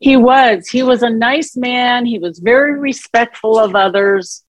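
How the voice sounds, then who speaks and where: A woman's voice: fairly high pitch, unhurried, dry recording. A middle-aged woman in an interview, telling personal caregiving stories in a reflective, conversational way and acting out quoted dialogue. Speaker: guest, author and caregiver.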